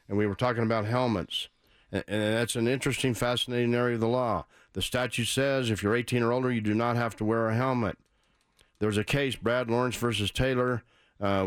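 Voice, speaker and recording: A man hosting a legal talk radio show, energetic and promotional, speaking straight to listeners. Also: mid-range voice, clean tone, no echo.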